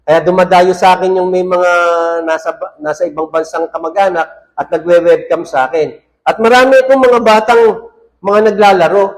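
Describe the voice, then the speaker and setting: A man's voice: high voice, a little mellow, low-quality recording. A male pastor preaching a sermon who keeps checking in with the congregation and reads verses aloud in English. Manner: keeps asking the congregation "ano po?"; mixes English quotes and phrases into his preaching.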